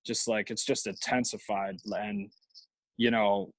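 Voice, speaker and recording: A man's voice: on the low side, little pitch movement, a little slow, dry recording, rough recording. A young man, a college baseball player, telling stories as a guest in a casual interview, rambling with frequent restarts. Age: young adult. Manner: rambling, lots of fillers and restarts.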